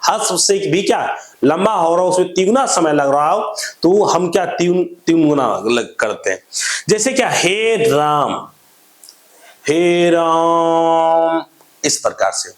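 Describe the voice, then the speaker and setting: At a moderate pace, a man leads a grammar lesson in classroom style, his animated voice sitting a bit high and moving up and down. He asks questions only to answer them, reviewing each point again, and the room echoes noticeably.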